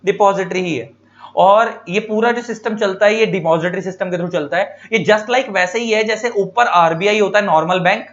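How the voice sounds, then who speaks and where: A man's voice: sits high, fairly bright tone, dull audio. A man teaching an exam-prep lecture, asking questions and answering them himself, repeating key terms.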